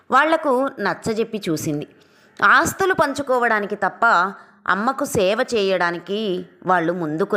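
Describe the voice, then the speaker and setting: A woman storyteller giving an expressive, emotional reading of a scripted story. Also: medium pitch.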